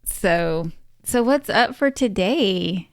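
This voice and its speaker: A woman's voice: mid-range voice, expressive, takes it slowly, no echo. A woman co-hosting a casual podcast, telling stories in a hesitant, giggly way. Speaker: podcast co-host. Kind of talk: casual chat.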